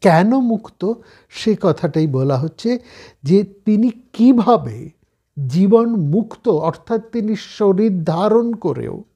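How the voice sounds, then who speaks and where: A man with a Bengali accent giving a slow, measured scripture discourse, explaining each point step by step. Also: high-pitched, animated, dark tone, slightly rough, lo-fi sound. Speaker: spiritual speaker.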